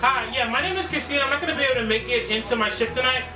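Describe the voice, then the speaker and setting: Deadpan man as oblivious new employee, roomy. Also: extremely high pitch, racing. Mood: earnest, insistent. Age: young adult. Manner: deadpan, rambling. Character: insistent, oblivious new fast-food employee named Christine. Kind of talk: improvised prank phone call. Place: small living room. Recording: roomy, distant camera sound, music.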